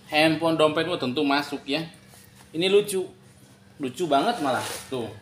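A young man giving an informal, repetitive and emphatic sales pitch, drawing out key words as he sells. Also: moderate pace. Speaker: online bag seller. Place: large tiled living room, indoors. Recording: echoey room, some background noise.

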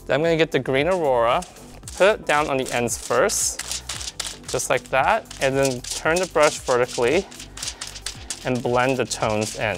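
Checking in with "right?" and "you guys," a man walks his viewers through hair coloring at a salon in a chatty, teaching style. His mid-range voice is gravelly yet fairly bright.

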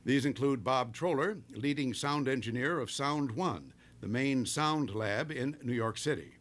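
A man narrating a documentary in a measured, formal scripted read. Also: medium pitch, a bit bright. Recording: narration over clear music.

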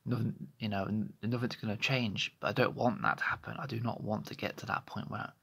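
A thirtysomething vlogger talks candidly into a phone held near his face in a small bedroom, rambling hesitantly and restarting many times. His voice is fairly low and steady, brisk, with vocal fry, a sharp tone and slight roughness.

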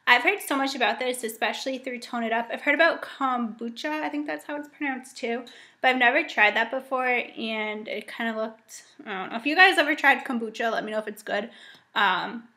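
A woman's voice: a little high, brisk, bright, forceful tone. Chatty young woman vlogging a haul. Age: young adult. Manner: chatty, upbeat, frequent ums and likes. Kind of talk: casual grocery haul vlog. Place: home dining room indoors.

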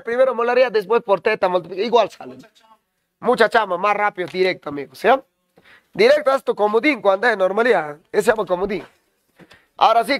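A man with a Peruvian Spanish accent, teaching chemistry with a voice pitched very high for a man. He jokes and teases his students with nicknames as he solves problems aloud. The sound is dry and close, with no room echo. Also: a bit bright. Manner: joking, teasing students with nicknames. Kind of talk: online class lecture.

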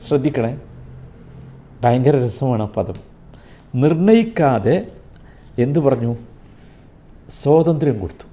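A man leads a Quran commentary class. His pitch sits a little high and moves around a lot, over a mellow, dark tone. He keeps asking his listeners rhetorical questions and slows right down to recite Arabic with care. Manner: recites Arabic slowly and carefully. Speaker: Quran teacher.

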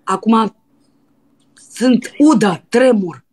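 A brazen young dancer, hungry and impatient, put on by a woman prank caller. She talks breathily and demandingly, with a fairly high voice. She swings from coaxing to shrill insistence. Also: animated, a little mellow. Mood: lustful, pushy. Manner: pushy and breathy, with crude demands. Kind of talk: prank phone call.

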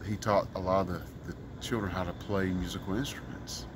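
Middle-aged man from Mississippi, street musician, earnest and rambling; outdoor city park recording with clear street noise. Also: low-pitched, fairly even intonation, brisk. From Mississippi, US South. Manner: earnest, rambling, many fillers. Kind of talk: casual street interview.

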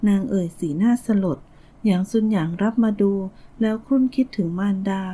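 A woman narrating a novel audiobook in a steady storytelling manner. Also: mid-range voice, normal speed, low-quality recording. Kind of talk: scripted narration.

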